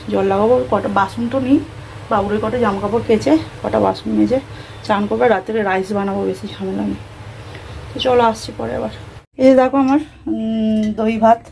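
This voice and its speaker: A woman's voice: mid-range voice, gravelly, mellow. A woman chatting casually through a home vlog, talking through her chores and cooking as she goes. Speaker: vlogger. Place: home kitchen. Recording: noisy room with frying sounds.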